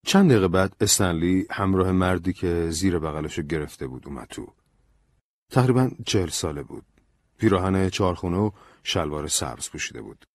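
A man narrating an audiobook in a calm, measured storytelling manner. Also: low voice, no room sound, studio quality.

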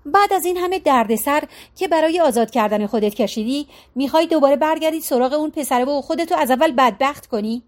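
Audiobook: female narrator voicing disapproving older mother, scolding, high register. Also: hardly any pauses, natural voice. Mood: reproachful. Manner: scolding, reproachful.

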